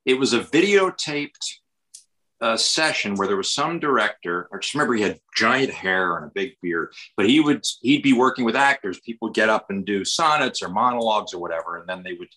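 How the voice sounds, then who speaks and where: A man from Westchester, New York, with an American accent, chats casually and rambles, restarting often and leaning on fillers. His voice sits on the low side with a sharp tone, and the recording is rough.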